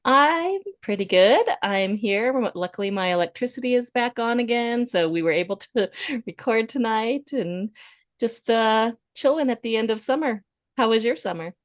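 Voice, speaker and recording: A woman's voice: on the high side, lively intonation, normal speed, no room sound. A woman in her fifties co-hosting a podcast, chatting casually and laughing often. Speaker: podcast co-host. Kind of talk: casual chat.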